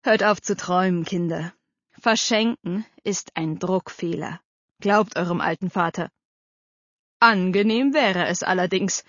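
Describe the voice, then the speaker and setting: A woman voicing a weary middle-aged father who speaks calmly and resignedly, in a storybook reading. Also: medium pitch, no echo, close to an everyday voice. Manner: calm, resigned. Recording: slightly dull dry recording.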